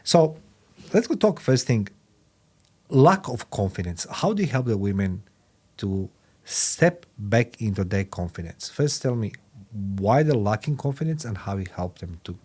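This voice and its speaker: Low-voiced man in his fifties hosting. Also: animated, measured pace, slightly rough. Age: 50s. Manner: rambling, repeats "you know what I mean", non-native phrasing; gets loud and emphatic when making a point. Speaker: podcast host. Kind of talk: conversational interview.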